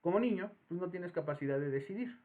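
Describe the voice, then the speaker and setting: Animated Mexican professor, tinny line. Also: male voice, high voice, fast talker. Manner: animated, acts out voices in anecdotes. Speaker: psychology professor. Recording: tinny phone-like audio.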